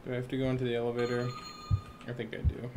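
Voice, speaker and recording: A young man streaming horror games, joking, swearing and yelling in reaction to scares. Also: medium pitch, monotone, very fast, noisy background. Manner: jokey, jumpy, swears, yells at scares. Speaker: gaming streamer. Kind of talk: casual horror game commentary.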